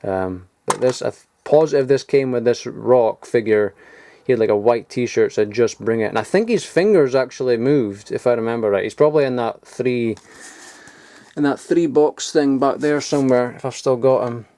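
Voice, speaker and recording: In a dry recording with no room sound, a young collector vlogger speaks in a medium-pitched, dark-toned voice at a moderate pace. He rambles casually through a show-and-tell of old collectible toys in his home loft, offhand and laughing at himself.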